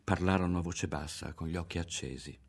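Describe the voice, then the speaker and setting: A man narrating a literary novel aloud in a measured, grave manner. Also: low-pitched, steady tone, breathy edge. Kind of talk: literary audiobook reading.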